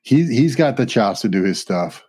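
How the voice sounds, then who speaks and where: A man's voice: mid-range voice, big pitch swings, moderate pace, dark tone, slightly rough. A man co-hosting a podcast in a casual movie chat, talking enthusiastically and recounting scenes. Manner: enthusiastic, recounts scenes, often breaks into quoted lines. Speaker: podcast co-host.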